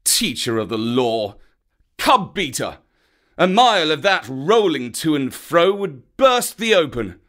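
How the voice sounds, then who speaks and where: Guy doing a stern panther, scornful and bossy, slow and deliberate, storybook. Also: fairly high pitch, sing-song, fairly bright tone. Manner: stern, scolding.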